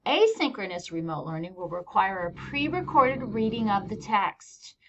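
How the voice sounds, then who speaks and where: In a dull, lo-fi voice-over recording, an American-accented woman gives scripted instructional narration as a teacher trainer, keeping explanations plain with some informal touches. She sounds very animated, medium-pitched and moderately paced, with a crowd audible in the background.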